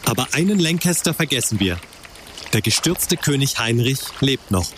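A man's voice: mid-range voice, sing-song, normal speed, a bit bright, slight background noise. A man narrating a historical story from a script.

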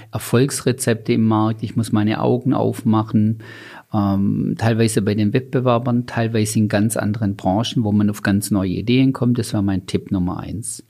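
Ruhiger Mann mit tiefer, dunkler Stimme. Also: male voice, on the low side, dark tone. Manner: measured, deliberate delivery with lists. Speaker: company founder and guest expert. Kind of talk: interview answers.

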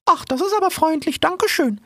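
Eager formal little female mouse played by a woman, high-pitched, courteous audio-drama role. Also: lively intonation, normal speed, no echo, clean studio sound. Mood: grateful. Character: polite, chatty female mouse surveyor.

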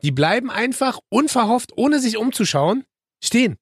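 Ein Mann plaudert als Co-Host eines Podcasts und regt sich über Alltagsärger auf. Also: male voice, very high voice, sing-song, normal speed, slightly rough, no room sound, clean studio sound. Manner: frequent "aha" backchannels, ranting complaints. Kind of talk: casual chat.

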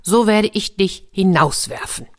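A woman's voice: medium pitch, voice pushed up, natural voice. A woman voicing a proud, stern king who gives orders and doubts what he hears. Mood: commanding. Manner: commanding, quick to doubt. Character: stern proud king, middle-aged man.

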